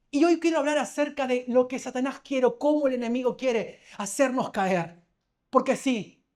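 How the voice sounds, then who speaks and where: A man's voice: very high-pitched, a little mellow. A man preaching a sermon as pastor, talking conversationally, telling stories and asking the congregation questions.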